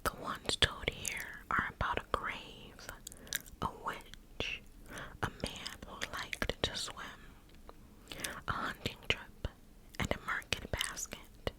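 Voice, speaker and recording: Slow whispering woman reading spooky stories. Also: poor audio. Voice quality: unvoiced whisper. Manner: slow, hushed, deliberate delivery. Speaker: ASMR storyteller.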